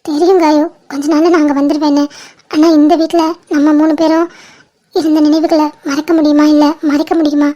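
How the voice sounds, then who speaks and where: A woman's voice: high voice, little pitch movement, a little fast, warm tone, lightly acted. A woman voicing a sad teenage sister in an amateur cartoon, asking wistful questions.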